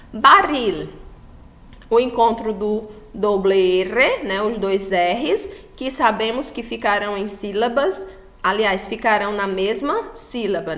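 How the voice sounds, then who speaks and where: A Brazilian woman teacher giving a recorded class, explaining slowly and patiently and often checking that students follow. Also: mid-range voice. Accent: Brazilian Portuguese. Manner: slow, patient explaining with frequent checks for understanding. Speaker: school teacher.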